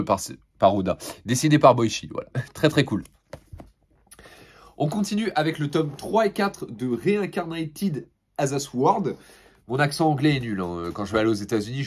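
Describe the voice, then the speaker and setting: A young man talking through a pile of manga in a laid-back, rambling way. His voice sits at an ordinary pitch for a man, and he fills gaps with hesitations and repeated starts. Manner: laid-back, chatty, many fillers and restarts; laughs between remarks. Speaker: manga reviewer. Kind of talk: casual manga haul review.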